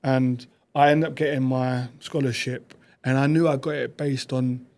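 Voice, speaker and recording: A man, a podcast guest telling stories about his past in quick, animated bursts. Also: mid-range voice. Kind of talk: reflective conversational storytelling.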